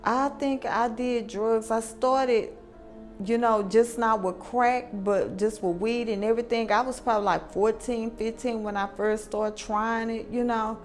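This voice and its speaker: A woman's voice: on the high side, fairly even intonation, measured pace, soft background music. A woman giving a heartfelt personal testimony as a radio guest, telling her story plainly with fillers.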